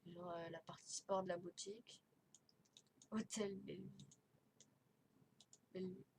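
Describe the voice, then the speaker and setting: A woman's voice: fairly low pitch, fairly even intonation, unhurried, darkish tone. A woman hosting a casual game tour, hesitant and rambling, speaking with a barely opened mouth and slurred S sounds because of dental elastics. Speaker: host of a gaming video channel. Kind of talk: casual chat commentary touring a game. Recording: noisy home recording with clicking.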